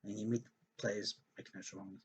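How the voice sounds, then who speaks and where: Over a set of slides, a man offers loose, rambling football analysis, restarting often and saying um a lot while hiccuping and burping. His low-leaning voice is level in tone, breathy at the edges, and paced normally.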